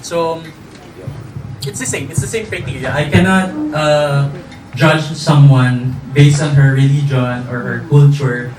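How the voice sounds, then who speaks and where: A man with a raised pitch talks earnestly, filling his sentences with "actually" and "you know". He is heard from far off the mic, and the hall rings with strong echo. A crowd murmurs behind him. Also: steady tone, a little slow. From Philippines. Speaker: pageant franchise holder. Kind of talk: press conference answer. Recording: echoey hall, distant mic, crowd noise.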